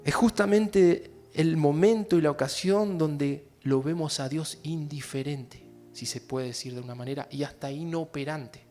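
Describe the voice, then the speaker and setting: Impassioned Argentine preacher, fairly high voice. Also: male voice, normal speed, few pauses, faint music behind. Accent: Argentine Spanish. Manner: swings from hushed to loud impassioned preaching; addresses the congregation directly. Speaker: pastor. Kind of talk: sermon.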